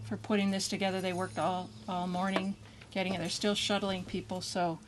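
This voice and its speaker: A woman's voice: mid-range voice, level tone, a little fast. Woman, ceremony emcee, casual with fillers, outdoors, noisy recording. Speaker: board member emceeing a dedication ceremony. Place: outdoor county park.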